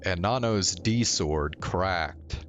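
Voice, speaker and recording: A man streaming a visual novel, reading its narration aloud in a slow, even way. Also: low-pitched, dull audio, over music.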